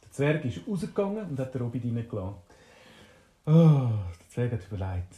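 Low-voiced Swiss German woman telling a story. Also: fairly quick. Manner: relaxed, rambling storytelling with restarts. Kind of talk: improvised bedtime story. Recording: roomy, echoey.

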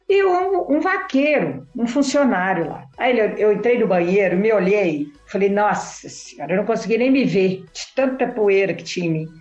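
A woman telling a story in casual chat, animated and acting out quoted dialogue. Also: mid-range voice. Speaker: podcast guest. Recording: echoey room, slightly dull sound.

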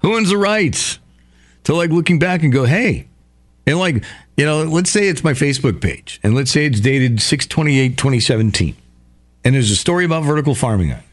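Excitable, cursing male talk host. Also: fairly high pitch, brisk. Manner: profane, excitable, rambling. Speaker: radio show host. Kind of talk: casual monologue.

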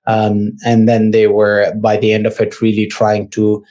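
Afghan-born university teacher, interview guest, hesitant, low flat voice. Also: male voice, unhurried. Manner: hesitant, many fillers and restarts. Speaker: guest analyst. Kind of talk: interview answers.

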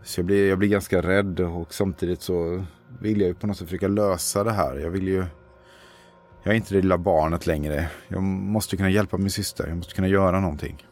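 Low-voiced stammering Swedish man. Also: fairly even intonation, a little mellow, a little hiss or hum. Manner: hesitant, stammering, thinking aloud. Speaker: player. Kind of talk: in-character tabletop role-play. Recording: faint music behind.

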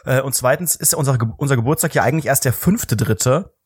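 A man's voice: medium pitch, fast, slightly rough, no echo. A man co-hosting a casual chat podcast, cracking dry jokes and sometimes putting on a mock announcer tone. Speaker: podcast co-host.

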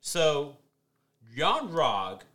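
A man co-hosting a casual podcast chat, animated and playful, swearing freely as he argues his point. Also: a little high, very slow. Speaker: podcast co-host. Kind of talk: casual chat ranking movie villains.

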